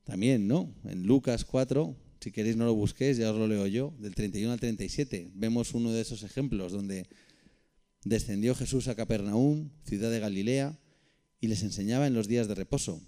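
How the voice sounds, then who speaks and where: A man's voice: lowish voice, normal speed, dark tone. A man with a Peninsular Spanish accent preaching and reading Bible verses aloud, with conversational asides to his listeners. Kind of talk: Bible study sermon with scripture reading.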